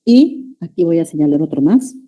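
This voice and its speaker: A woman's voice: sits low, lively intonation, moderate pace, dark tone. A woman teaching a language class, lecturing students and often checking that they follow. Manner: addresses students as "jóvenes", checks understanding with "¿ya?".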